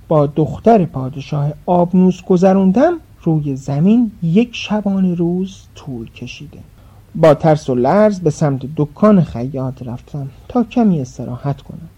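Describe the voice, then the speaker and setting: A woman storyteller reads a first-person folk tale with expressive, lively pitch. Her voice is dark and a little husky, and the recording is dull and muffled. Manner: expressive, dramatic. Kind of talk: scripted storybook narration.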